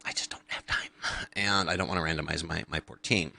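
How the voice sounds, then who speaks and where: A man co-hosting a podcast, chatting casually with quick tangents and wry humor. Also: a bass voice, fairly even intonation, gravelly, bright, forceful tone, no room sound. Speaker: podcast co-host.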